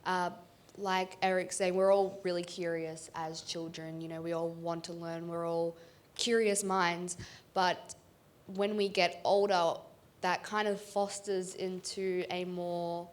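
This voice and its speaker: A young Australian woman, a student on a discussion panel, speaks earnestly and thoughtfully into a handheld mic in a large auditorium, with many ums. Her voice is lowish, her delivery flat and unhurried.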